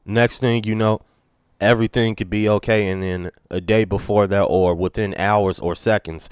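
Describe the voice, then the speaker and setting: A man's voice: on the low side, steady tone, moderate pace, clean tone, no echo, clean studio sound. A congested, sick man delivering an earnest, rambling preaching monologue to his channel viewers. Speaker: channel host. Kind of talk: monologue to camera.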